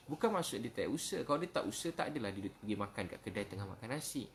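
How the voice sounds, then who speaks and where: Man, Malaysian Malay accent, preacher, rapid delivery, casual question-and-answer talk, frequent "ha" fillers, faint background hum. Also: fairly low pitch, lively intonation. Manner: fast, warm conversational preaching with many "ha" fillers. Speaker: religious preacher.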